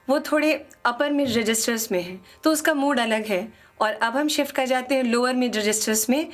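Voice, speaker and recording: A woman teaching a song, explaining quickly in speech and singing phrases slowly to demonstrate. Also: on the high side.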